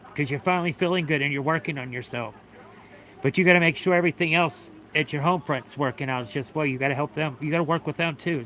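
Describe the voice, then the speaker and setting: Bright-voiced man pleading on a livestream. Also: on the high side, slight background noise. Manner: earnest, repetitive, swears often. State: tearful. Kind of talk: emotional livestream talk.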